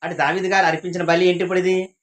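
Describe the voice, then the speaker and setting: A man's voice: high voice, flat delivery, racing, a bit bright, poor audio. A man leading a Bible class, repeating his points and quizzing the class with questions. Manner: repetitive, asks the class questions.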